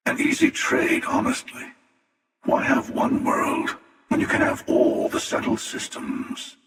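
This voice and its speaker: A man voicing a smug, menacing, world-weary hunter from a video game, with a breathy rasp and sardonic, deliberate delivery. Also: a bit bright. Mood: cool, matter-of-fact. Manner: sardonic, deliberate, drawling taunts. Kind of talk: video game character voice acting. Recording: echoing, long reverb, distant.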